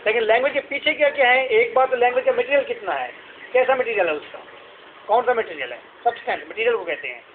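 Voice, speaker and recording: A man's voice: extremely high pitch, expressive, quick pace, a little hiss or hum. A man giving a classroom lecture, explaining through repeated questions and examples. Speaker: teacher. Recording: tinny lo-fi classroom recording.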